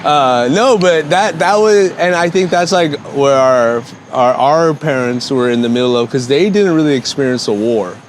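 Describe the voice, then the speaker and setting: A man's voice: mid-range voice, animated, moderate pace, few pauses, a little hiss or hum. A young man in casual chat, joking, laughing often and restarting his sentences.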